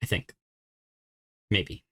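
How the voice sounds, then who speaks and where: A man's voice: extremely slow, bright, forceful tone. A young man streaming a game, chatting casually and thinking aloud as he works through a puzzle. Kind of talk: casual live-stream chat.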